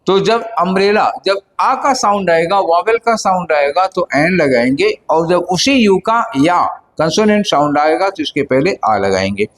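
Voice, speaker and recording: High-voiced Indian teacher in reverberant hall. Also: male voice, lively intonation, a little slow. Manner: asks and answers his own questions, repeating key words. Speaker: English teacher. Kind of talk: classroom grammar lesson.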